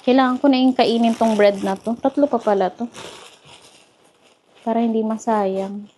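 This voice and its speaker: Cooking in her home kitchen, a Filipina vlogger with a Filipino accent talks casually to her viewers and frequently addresses them as "guys." Her voice is on the high side and mellow, at a moderate pace, with a little hiss or hum in the recording.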